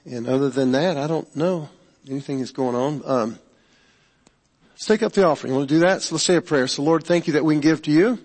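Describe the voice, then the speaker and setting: A pastor talking in a relaxed, offhand way, his voice echoing as if in a cave. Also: fairly high pitch, brisk. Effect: cave-like echo. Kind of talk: casual church announcements and prayer. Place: cave-like room. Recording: echoey, cave-like room with long reverb.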